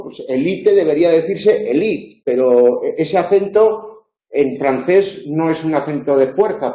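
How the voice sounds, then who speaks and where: A man's voice: on the high side, dark tone. A man from giving a university tutorial lecture, explaining patiently and checking in with his listeners. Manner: explanatory, with frequent "eh" and "¿vale?" check-ins. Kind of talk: live online tutorial lecture. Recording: echoey room, dull lo-fi sound.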